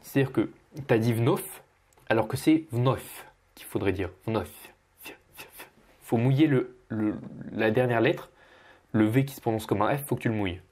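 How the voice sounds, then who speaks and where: A man teaching pronunciation as he corrects a student, patiently repeating each word slowly. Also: medium pitch, a little mellow. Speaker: Russian language teacher.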